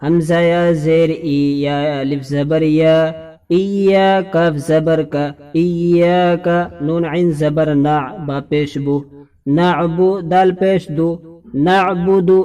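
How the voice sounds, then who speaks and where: A young man teaching Quran reading, spelling out syllables slowly and chanting the verses. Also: a little high, fairly even intonation, mellow. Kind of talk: spelling-out lesson with chanted recitation.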